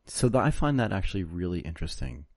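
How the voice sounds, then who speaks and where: A man's voice: low voice, very animated, fast, a little mellow, dry recording. A man hosting a podcast interview, chatty and joking, often cutting in on his guest. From United States. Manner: jokey, chatty, talks over the guest. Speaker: podcast host. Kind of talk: casual interview chat.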